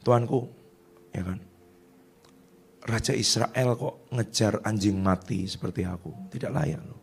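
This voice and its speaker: A middle-aged male pastor preaching a sermon in a lively, conversational way, acting out the voices of people he quotes. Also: lowish voice, a little slow, a little hiss or hum.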